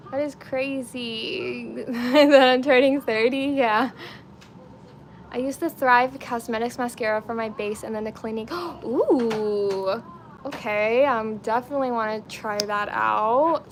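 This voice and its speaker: During a get-ready-with-me livestream, a beauty and lifestyle streamer aged twenty-nine chats casually and uses slang with her audience. She speaks slowly in a fairly high voice, with slight background noise.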